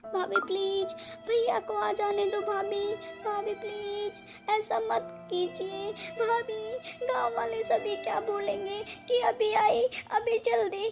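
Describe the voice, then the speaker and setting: A woman's voice: high voice, moderate pace, loud music behind the voice, natural voice. A woman voicing a young married woman in a cartoon, hurt and pleading. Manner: pleading, tearful. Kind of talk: cartoon voice acting.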